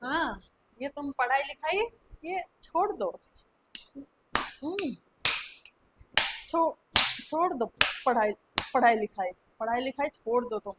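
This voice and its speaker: A woman's voice: high-pitched, expressive, slow, pauses often, very noisy. A woman acting a strict female schoolteacher in a staged classroom skit, nagging and repeating herself as she keeps demanding answers. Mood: scolding.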